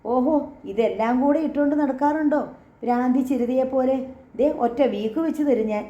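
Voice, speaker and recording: A woman's voice: high-pitched, brisk, mellow, muffled recording, close to an everyday voice. A woman doing a cheeky teasing sister. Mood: mocking. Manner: mocking, playful.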